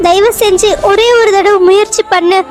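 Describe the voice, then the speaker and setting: A woman's voice: very high-pitched, fairly even intonation, moderate pace, soft background music. A woman voicing an earnest young woman in a cartoon serial who keeps pleading with a spirit. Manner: urgent, repeated pleading.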